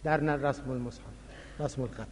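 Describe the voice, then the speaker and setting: A man giving a religious lecture, explaining points with animated emphasis. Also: medium pitch, a little hiss or hum. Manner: explanatory, animated, acts out quoted dialogue. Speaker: lecturer on Quran recitation. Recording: long hall reverb.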